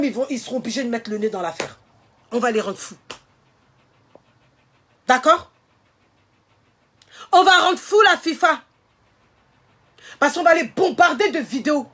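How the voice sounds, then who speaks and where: High-pitched woman, indignant vlogger rant, emphatic and repetitive. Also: fairly bright tone. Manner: emphatic, indignant, repeats her points. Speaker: social media commentator. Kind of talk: impassioned vlog rant to viewers.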